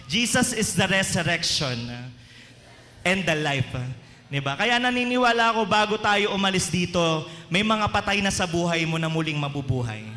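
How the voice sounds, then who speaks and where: A man with a Filipino accent delivers a sermon in a high, bright voice. He keeps asking the congregation questions. The sound rings out with long reverb through a church hall. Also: a little hiss or hum. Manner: mixes Tagalog and English, asks the congregation questions. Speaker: preacher.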